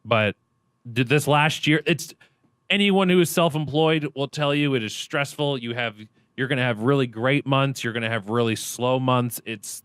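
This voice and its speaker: In clean studio audio with no room sound, a young streamer and actor guesting on a podcast speaks at normal speed in a clear, resonant mid-range voice. The interview chat is casual, and he keeps it upbeat, animated and full of jokes.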